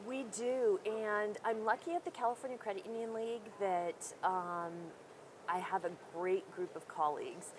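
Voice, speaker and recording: On a noisy, busy conference floor, a woman who runs a small credit union chats as a guest in an interview. She speaks at medium pitch and normal speed, self-deprecating and full of fillers.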